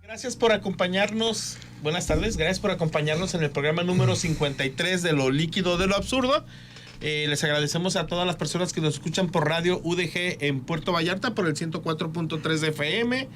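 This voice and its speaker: A man's voice: on the high side, a little fast, fairly bright tone, a little hiss or hum. A man with a Mexican Spanish accent co-hosting a radio talk show in a studio, chatty and joking with many restarts. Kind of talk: casual radio chat.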